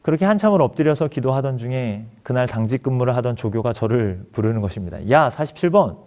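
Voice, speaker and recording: A man's voice: medium pitch, quick pace, warm tone. A man preaching a sermon as pastor, earnestly telling a personal story and acting out its dialogue. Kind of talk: sermon testimony.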